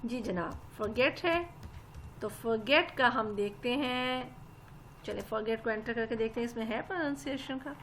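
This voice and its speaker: Speaking at a normal speed in a slightly high, fairly bright voice, a woman teaches English grammar for a recorded lesson on a laptop mic. She explains patiently, one step at a time, politely addressing her listeners throughout, with slight background noise.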